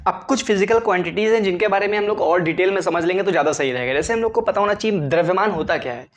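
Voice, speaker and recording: A chemistry teacher races through a classroom lecture in a high voice. Time and again he puts a question to the students and answers it himself.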